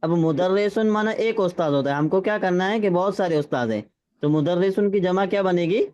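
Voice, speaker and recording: High-voiced man teaching Arabic grammar. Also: darkish tone. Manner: patient, checks understanding, reads Arabic phrases slowly. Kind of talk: classroom lesson with drills. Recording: slightly dull lo-fi sound.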